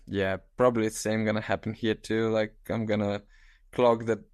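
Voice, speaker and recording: Guest: Lithuanian-accented man, 30s, halting and restarting, clear, dry video-call sound. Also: lowish voice, level tone, no echo. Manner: halting, restarts often, laughs easily. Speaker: guest, ultra-distance cyclist. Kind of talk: casual interview on video call. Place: small room at home, indoors.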